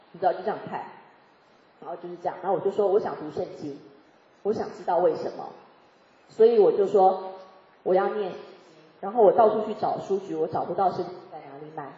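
Woman, church testimony, quick, lively, laughs often; warm mellow tone, echoey hall, dull recording. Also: mid-range voice. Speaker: church member giving testimony. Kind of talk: personal faith testimony.

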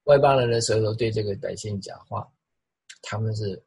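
A middle-aged male pastor giving an animated sermon, repeating phrases for emphasis and imitating the sounds he describes. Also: lowish voice, normal speed, creaky, slightly rough, rough recording.

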